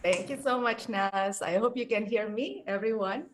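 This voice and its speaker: A woman's voice: mid-range voice, moderate pace, slight background noise. Chatty woman from Indonesia presenting. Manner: chatty, fillers like "like" and "right?". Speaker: panel speaker. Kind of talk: conversational presentation. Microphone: video call.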